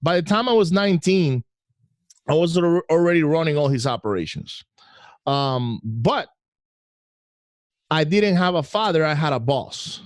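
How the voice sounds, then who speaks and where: Venezuelan-raised guy, middle-aged, kinda high voice, dry close sound, talks lively w little laughs. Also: measured pace, long pauses, no room sound. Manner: animated, laughs while telling stories. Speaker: podcast guest. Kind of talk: casual interview storytelling.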